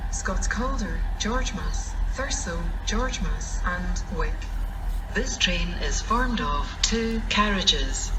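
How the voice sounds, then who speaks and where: A woman's automated train station announcement over a loudspeaker, listing stops in a measured, evenly spaced way. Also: medium pitch. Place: railway station platform. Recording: distant loudspeaker with clear music behind.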